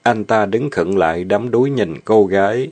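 A man narrating a story in a measured storytelling manner. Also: lowish voice, a little mellow.

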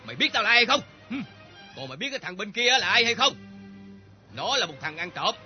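A tough drifter in a radio drama who needles and taunts with sarcasm. His voice sits high for a man. The recording is dull and lo-fi, with a faint music bed. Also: very animated, fairly quick. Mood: taunting. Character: tough, mocking male drifter, adult.

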